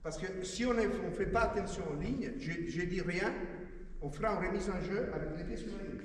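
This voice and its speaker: A middle-aged man runs a basketball clinic, breaking down drills and barking out calls. His voice sits high for a man and carries from far across a hugely echoey gym. The thump of bouncing balls and court noise fill the background. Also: moderate pace. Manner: demonstrative, calls out drills loudly. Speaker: basketball coach. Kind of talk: coaching clinic instruction. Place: large indoor gym. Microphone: camera far from the speaker. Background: ball bounces and court noise.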